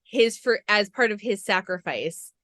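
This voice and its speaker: A woman's voice: medium pitch, animated, unhurried, sharp tone. A woman podcast interviewer recapping a show with gushing enthusiasm in long run-on stretches.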